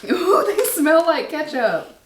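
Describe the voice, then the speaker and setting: A woman hosting a casual snack taste test, bubbly and giggly. Her voice sits high and swoops around with lively energy. The room has a noticeable echo and a faint hiss underneath. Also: takes it slowly. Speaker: host.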